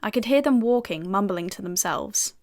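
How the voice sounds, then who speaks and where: A woman's voice: medium pitch, lively intonation, normal speed, natural voice. British actress as a cocky young female FBI agent narrating her own audio drama, dry sardonic wit, mid-range voice. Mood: wry. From United Kingdom.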